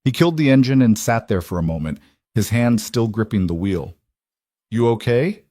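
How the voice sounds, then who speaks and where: A man narrating a scripted dramatic story in an even, measured way. His voice is low and husky. The recording is dry and close, with no room sound. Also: dry recording.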